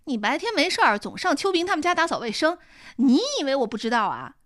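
A woman's voice: sits high, big pitch swings, fairly bright tone, no echo, studio quality. A woman doing an indignant, aggrieved daughter. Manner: indignant, complaining, quick. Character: aggrieved young woman, defensive daughter, bitter. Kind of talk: audiobook character reading.

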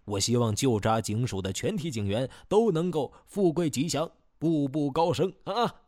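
A man's voice: medium pitch, normal speed, no room sound, pitched above the performer's own voice, natural voice. Man voicing an obsequious owner, effusive, dry. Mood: flattering. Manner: effusive, flattering.

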